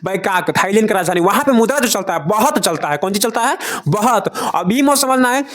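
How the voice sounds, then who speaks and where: A man's voice: sits high, animated, fairly quick, a bit bright. A male teacher gives a casual lesson, asking questions and repeating each answer, tripping now and then over foreign names. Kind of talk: casual classroom-style lesson.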